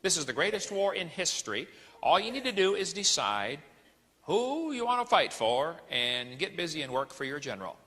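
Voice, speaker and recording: A man's voice: fairly high pitch, big pitch swings, normal speed, bright, forceful tone, breathy edge, long reverb tail. A middle-aged man giving a lecture-style sermon, preachy and folksy, firing off rhetorical questions. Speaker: creationist ministry speaker.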